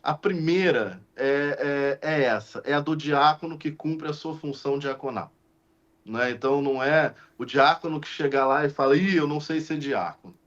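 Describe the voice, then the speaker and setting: A man's voice: medium pitch, moderate pace. A man, a deacon and podcast guest, telling a story in casual conversation and acting out the dialogue with many restarts. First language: Portuguese. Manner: animated, acts out quoted dialogue, frequent restarts. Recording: slightly muffled lo-fi audio.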